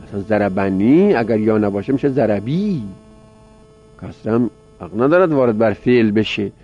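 A man's voice: on the low side, lively intonation, soft background music. Man lecturing on grammar, lo-fi hum. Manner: repeats words aloud, drilling, explaining step by step. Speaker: teacher. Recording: dull lo-fi recording with mains hum.

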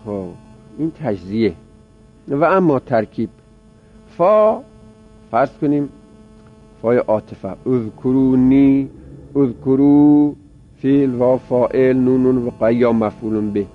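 A man's voice: mid-range voice, long pauses. A male teacher giving a grammar lecture, explaining step by step and repeating words aloud as drills. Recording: dull lo-fi recording with mains hum.

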